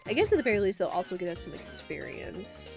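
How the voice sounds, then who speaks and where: Over game music, a young gaming streamer with a cold chats in casual live-stream commentary, her voice nasal and stuffed up. She talks fast at a medium pitch that swoops wildly, with vocal fry and lots of rambling filler.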